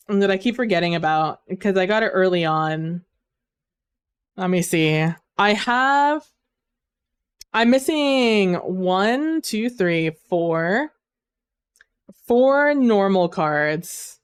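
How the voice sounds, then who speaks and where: A woman on a gaming stream rambles casually through her headset mic, full of fillers, her smooth, resonant voice going hoarse. Low and expressive, she speaks extremely slowly with long pauses, recorded dry and close.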